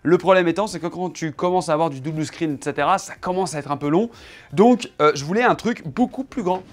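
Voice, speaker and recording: A man's voice: on the high side, fairly quick. A man in his home office chatting casually to camera, showing off his setup and teasing his cameraman in a playful, joking way.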